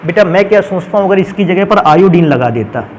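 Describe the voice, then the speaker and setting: A man's voice: sits high, expressive, brisk, slight background noise, low-quality recording. A man teaching a chemistry lesson who keeps asking his students questions and answering them himself, speaking. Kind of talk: classroom lecture.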